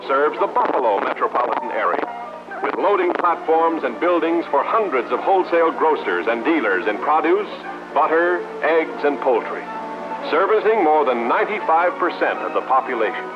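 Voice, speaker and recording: A man's voice: fairly high pitch, big pitch swings, normal speed. An American man reading a scripted promotional film in formal, emphatic 1950s narrator style, in clipped phrases. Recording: muffled vintage film soundtrack, loud music. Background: loud background music.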